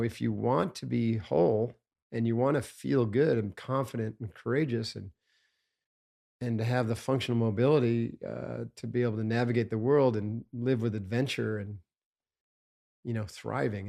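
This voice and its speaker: A man's voice: medium pitch, gravelly, warm tone. A man, a guest on a podcast interview, talking in an emphatic coaching tone and often asking "right?".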